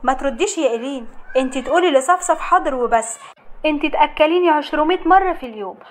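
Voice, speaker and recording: A woman's voice: high voice, animated, fast talker. A woman voicing a cheerful young Egyptian husband who teases his mother and wife. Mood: playful. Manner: playful, teasing.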